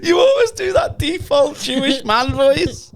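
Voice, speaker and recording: An English man co-hosting a casual comedy podcast, teasing his partner with quick banter. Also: extremely high pitch, big pitch swings, a little hiss or hum. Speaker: podcast co-host.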